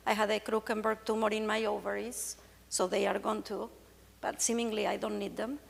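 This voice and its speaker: This woman's voice is mid-pitched with vocal fry, and she delivers it flatly and briskly. She's an Argentine in her forties whose first language is Spanish, and she presents candidly and with humor at a conference as a patient. The talk comes from a big hall's stage, with long reverb in the recording.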